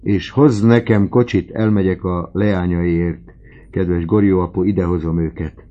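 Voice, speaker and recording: A man's voice: sits low, fairly even intonation, highs cut off, lightly acted. A man voicing an earnest, caring young man in an audiobook, speaking urgently and reassuringly. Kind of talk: audiobook character reading.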